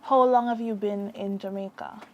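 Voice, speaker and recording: Woman interviewer, mid-pitched voice, brief and direct questions. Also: steady tone, moderate pace, darkish tone, highs cut off, slight background noise.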